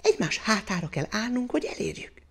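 A man voicing a small, quick-tempered female ladybug in a squeaky, high storybook voice, scolding and indignant. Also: very animated, a bit bright, breathy edge, heavily acted. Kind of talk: storybook character voice.

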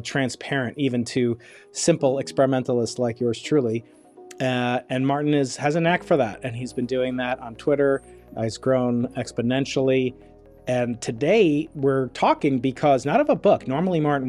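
A man's voice: medium pitch, darkish tone. A middle-aged man hosting a podcast interview, chatting loosely with lots of fillers and restarts. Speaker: podcast host. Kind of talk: casual interview chat.

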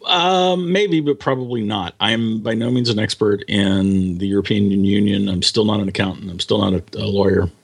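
A man's voice: lowish voice, normal speed, gravelly, hardly any pauses, husky. A man talking as a podcast guest, explaining his views at length with many fillers and restarts. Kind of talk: casual interview chat.

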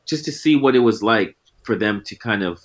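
Speaking at a moderate pace, this man's expressive voice sits on the low side. He's a forties-aged musician guesting in a casual interview, relaxed and reflective, repeatedly returning to earlier thoughts.

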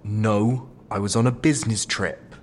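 A man's voice: on the low side, fairly even intonation, a little slow, husky. An actor with a British accent playing a lazy, sarcastic male captive, dismissive and drawling. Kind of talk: audio drama acting.

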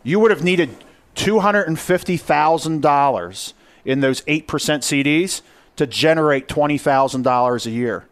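A man with a slightly higher voice, co-hosting a financial radio show. He walks through numbers in a steady, explanatory way. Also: moderate pace.

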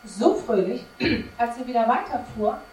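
A woman's voice: a little high, animated, measured pace, a little mellow, slight background noise. A woman preaching a sermon to her congregation, emphatic and full of rhetorical questions. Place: church service. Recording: echoey room from a distance, faint ambience.

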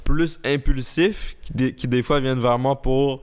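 A 21-year-old man from the Laurentides with a Quebec French accent, chatting casually as a podcast guest, relaxed and unhurried with frequent hesitations. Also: medium pitch, clean tone.

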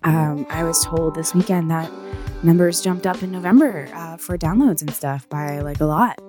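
Stuffy-nosed, low-voiced woman podcast host. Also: normal speed, dark tone, faint music behind. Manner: sarcastic-sounding, swearing, rambling. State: stuffy nose. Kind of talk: casual podcast chat.

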